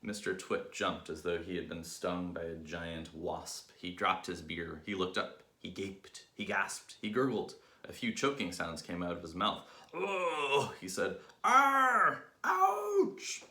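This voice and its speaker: A man reading a children's book aloud with lively, expressive storytelling, in an echoey room. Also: low voice, unhurried, few pauses. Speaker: reader.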